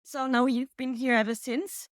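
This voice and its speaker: A native Polish speaker from Poland, a woman in her thirties appearing as an author guest, answers questions in a casual interview, halting often and restarting many times. Her voice sits high with a level tone, and the studio sound is clean with no room sound.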